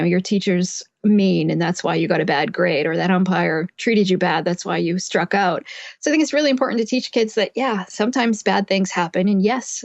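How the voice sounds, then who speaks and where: A woman with a mid-range voice gives conversational interview advice as a guest expert, a psychotherapist and author. She explains things through everyday examples and imagined quotes. The audio has no echo but the highs are cut off.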